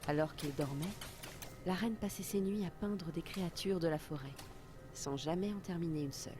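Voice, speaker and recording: A woman as a low calm storybook narrator. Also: normal speed, natural voice. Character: gentle adult female storybook narrator. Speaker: game narrator. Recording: game audio with background noise.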